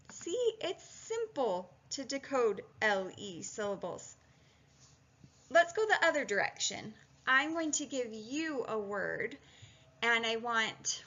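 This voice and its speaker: A woman's voice: a little high, bright, forceful tone. A woman teaching a phonics lesson on video, chatty and encouraging, thinking aloud and sounding out words syllable by syllable. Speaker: reading and spelling teacher. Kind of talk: video phonics lesson, talking students through steps. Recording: dull lo-fi sound.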